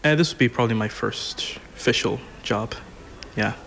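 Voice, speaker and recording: A man's voice: medium pitch, moderate pace, gravelly, fairly bright tone. A man in his twenties giving short, hesitant answers in an interview, with many fillers. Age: 20s. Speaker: programme participant.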